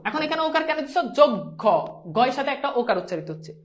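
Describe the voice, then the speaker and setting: A high-voiced, very animated woman races through a live online grammar lesson, quizzing her students and repeating each pronunciation several times. She sprinkles English words into her speech, with a little hiss or hum in the audio.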